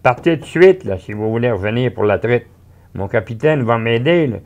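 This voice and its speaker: A man voicing a brisk, commanding middle-aged farm mother with a Québécois accent. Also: medium pitch, animated, darkish tone, lo-fi sound, voice pushed up, lightly acted. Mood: bossy. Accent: Québécois French.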